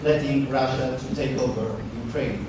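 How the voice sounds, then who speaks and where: A man's voice: mid-range voice, fairly even intonation, moderate pace. Man reporter, echoing and distant. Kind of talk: press conference question. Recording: echoey room from far off, background noise.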